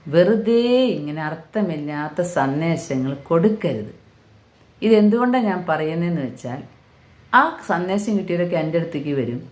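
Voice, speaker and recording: A woman's voice: sits low, lively intonation, moderate pace, darkish tone. A woman giving an earnest sermon, repeating phrases for emphasis. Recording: echoey room.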